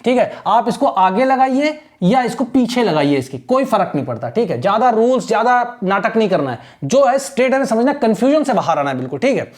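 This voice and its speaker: A male teacher giving an online exam-prep English lesson. He speaks in a direct coaching tone, checks in after nearly every phrase, and reads English lines slowly, word by word, for his students to imitate. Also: sits high, sing-song.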